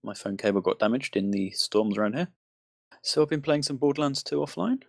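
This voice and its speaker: A man from the UK hosting a casual podcast chat, relaxed and self-deprecating. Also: medium pitch, fairly quick, gravelly, no echo. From United Kingdom. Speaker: podcast host.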